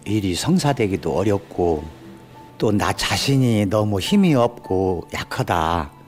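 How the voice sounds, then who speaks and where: Older educator interviewee: man in his sixties, deep voice, unscripted talk. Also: big pitch swings, slow pace, a little mellow, soft background music. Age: 60s.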